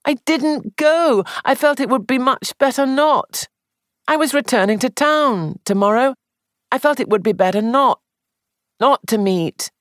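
Brief: narrator putting on a panicky male suspect, voice pitched high, lively swoops, slow broken phrasing. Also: no room sound, studio quality, natural voice. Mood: panicked. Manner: high, tremulous, pleading. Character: distraught young man suspected of murder. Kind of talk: audiobook character voice.

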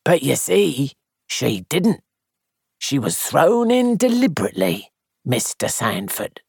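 A reader voicing a methodical police inspector, asking formal, measured questions. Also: medium pitch, sing-song, vocal fry, a little mellow, slightly rough, no echo, studio quality, heavily acted. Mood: pressing.

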